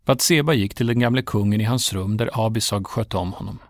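A man narrating a Bible story in a steady, measured scripted reading. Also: fairly low pitch, no echo, clean studio sound.

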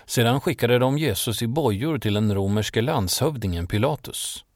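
A man narrating a Bible story in a measured, solemn scripted reading. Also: medium pitch, animated, no room sound, studio quality.

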